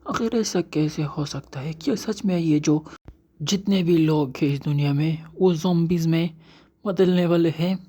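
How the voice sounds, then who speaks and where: A man's voice: a little high, normal speed, mellow, lightly acted. Man doing a bewildered young hero. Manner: whiny, pleading. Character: young male hero, confused and exasperated.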